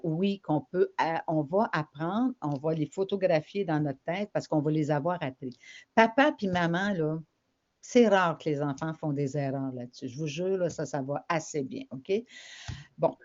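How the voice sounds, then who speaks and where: A woman with a Quebec French accent explains a method to parents in a casual, example-filled way. Her voice sits low and mellow. The recording sounds dull and lo-fi. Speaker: remedial teacher. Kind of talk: parent information session.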